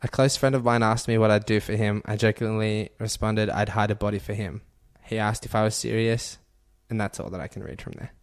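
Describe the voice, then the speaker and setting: A man's voice: fairly low pitch, fairly even intonation, a little fast, hardly any pauses, clean tone, dry recording. A young man hosting a casual podcast, reading out confessions in a crude, giggly way and often laughing mid-sentence. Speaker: podcast host.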